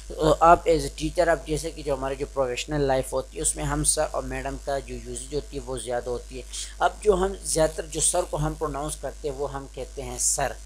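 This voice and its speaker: A young man from Pakistan giving an informal spoken lesson on reading skills, hesitant and restarting often, slipping into English phrases. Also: on the high side. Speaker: teacher explaining reading skills.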